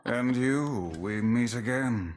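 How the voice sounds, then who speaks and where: Man playing a pompous, slow-spoken magical book. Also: medium pitch, lightly acted. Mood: haughty, recovered. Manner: pompous, formal, deliberate. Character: pompous, proud male talking magical book. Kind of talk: video game voice acting.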